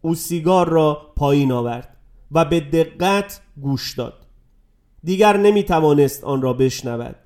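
A male storyteller reading a story aloud in a measured, dramatic way. His voice sits high for a man. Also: a little mellow. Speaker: narrator. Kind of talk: storybook narration.

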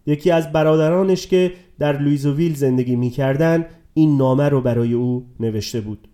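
Man narrating a story, mellow tone. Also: on the high side. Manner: calm, measured storytelling. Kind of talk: audiobook narration.

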